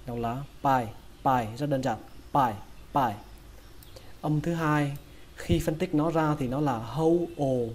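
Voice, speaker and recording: An English pronunciation teacher with a Vietnamese accent and a mellow, medium-pitched voice drills words slowly. He repeats each one and breaks it down into its sounds throughout the lesson.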